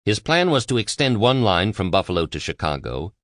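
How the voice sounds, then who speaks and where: A man reading a biography aloud as an audiobook narrator, in a measured, even delivery. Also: on the low side, no room sound, clean studio sound.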